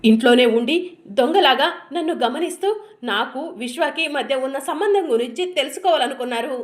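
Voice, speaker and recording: A woman's voice: high-pitched, lightly acted. A bitter, accusing young wife, read by a woman. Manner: reproachful questions ending in "sir".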